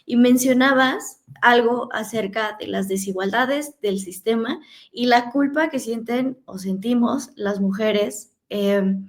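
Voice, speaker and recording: A woman's voice: fairly high pitch, slow pace. Woman asking long questions. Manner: long multi-part questions, thoughtful. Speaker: podcast host. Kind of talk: podcast interview.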